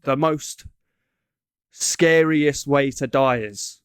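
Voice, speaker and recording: A man's voice: mid-range voice, drawn-out words, smooth, no room sound, clean studio sound. Joking, rambling young-sounding podcast guy. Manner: joking, rambling, self-interrupting. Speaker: podcast co-host. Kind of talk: casual chat.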